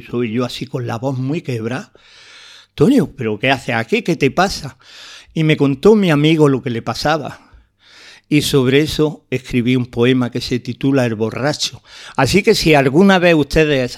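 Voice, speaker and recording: An older man, a guest poet telling heartfelt stories in a radio interview. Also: medium pitch. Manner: earnest, heartfelt storytelling with frequent restarts. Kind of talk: radio interview, reminiscing and introducing poems.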